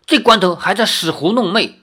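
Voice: medium pitch, moderate pace, pushed and bright, husky, voice pushed up. A storyteller voicing a stern, angry old male sect master who barks commands, in a storybook reading. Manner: harsh, commanding.

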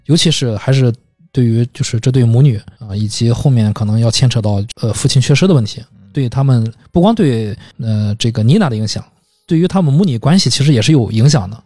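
A man's voice: medium pitch, expressive, a little fast, warm tone, no room sound, studio quality, faint music behind. A man hosting a casual podcast about films, talking in thoughtful, rambling runs with hesitations. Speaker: podcast host. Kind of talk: casual film discussion.

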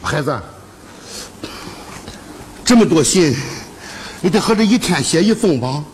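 Brief: a fussy old matchmaker, high and animated, kindly underneath. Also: male voice, measured pace, a little hiss or hum. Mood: tender. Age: older. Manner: scolding, exasperated, repeats himself. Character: fussy old male matchmaker, scolding yet kind. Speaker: sketch comedy actor. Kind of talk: stage comedy sketch.

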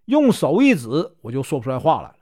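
A man's voice: fairly high pitch, wildly swooping pitch, fast, darkish tone, voice pushed down. A man with a Northeastern Mandarin accent voicing a puzzled twelve-year-old boy who speaks plaintively.

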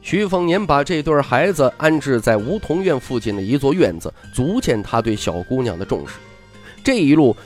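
A man narrating an audiobook in an expressive storytelling manner. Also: medium pitch. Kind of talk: scripted narration.

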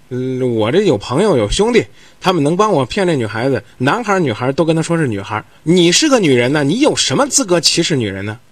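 A man's voice: fairly high pitch, no echo, far from the mic. A man hosting a call-in advice radio show, talking to the caller in a blunt, lecturing way.

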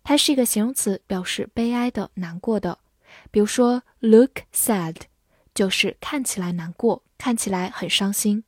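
A woman teaching English vocabulary. She spells words out letter by letter and repeats phrases slowly. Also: medium pitch, no room sound, clean studio sound. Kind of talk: vocabulary lesson with slow read-alouds.

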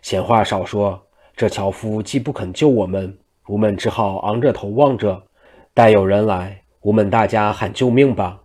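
A male storyteller voicing a practical, brisk grown man who urges the others to act. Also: lowish voice, darkish tone, natural voice.

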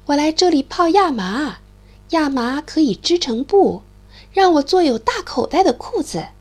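A woman voicing an eager, excited little male mole who pleads and calls out for help. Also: high voice, normal speed. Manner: pleading, chirpy, cries out loudly.

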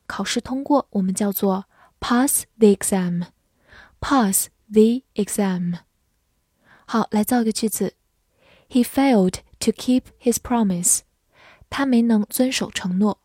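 Husky woman teaching English words slowly. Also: fairly high pitch, mellow, no echo, studio quality. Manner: spells words letter by letter and reads sentences slowly. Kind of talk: vocabulary lesson with slow model readings.

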